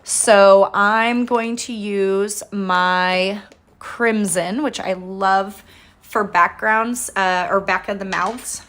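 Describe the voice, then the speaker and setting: A woman's voice: medium pitch, fairly even intonation, extremely slow, fairly bright tone. Casual woman teaching painting step by step. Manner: encouraging, informal, chatty. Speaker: painting instructor.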